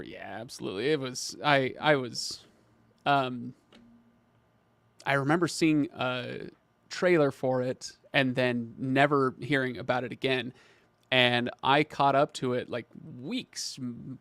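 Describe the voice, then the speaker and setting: A man's voice: medium pitch, fairly bright tone, dry recording. A man hosting a casual livestream chat, talking in hesitant bursts with many restarts and reading out viewer comments. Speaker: livestream host.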